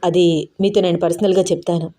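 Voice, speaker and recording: A woman's voice: on the low side, little pitch movement, a little fast, dark tone, close to an everyday voice. A woman voicing a stern, protective young man who speaks seriously and firmly. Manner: serious, firm.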